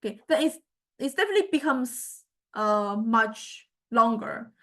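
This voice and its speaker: Demonstrating software, a woman delivers an explanatory lecture in a somewhat high, expressive voice. Her delivery is halting, with repeated words and pauses as she searches for terms.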